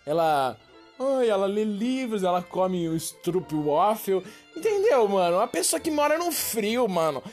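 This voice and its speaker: A woman's voice: medium pitch, sing-song, unhurried, darkish tone, soft background music. A Brazilian woman ranting in a slangy, exasperated comic monologue to her viewers. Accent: Brazilian Portuguese. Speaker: vlogger. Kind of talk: slangy comic rant to camera.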